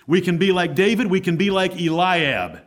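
Blunt preacher at a pulpit microphone. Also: male voice, high voice, expressive, normal speed. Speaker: pastor. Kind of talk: sermon.

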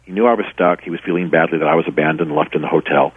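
Low raspy guy on a phone line, talks fast and earnest, keeps restarting. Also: dry recording. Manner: earnest, rambling, with many restarts. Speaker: author and former pastor, guest. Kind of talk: radio interview storytelling. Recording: tinny phone line, dry.

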